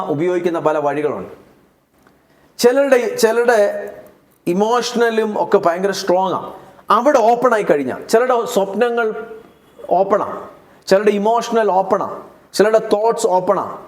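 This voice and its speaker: A man preaching a sermon as pastor, emphatic and repetitive, mixing in English words. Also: high-pitched. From India. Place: church. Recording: echoey church hall.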